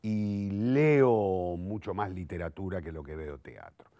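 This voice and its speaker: Low-pitched and dark-toned, this man takes it slowly yet keeps a lively intonation, captured on a dry recording. A playwright, director and theatre teacher in his sixties with a Rioplatense Argentine accent, he reflects eloquently in an interview, self-correcting and thinking aloud with repeated words while searching for the next.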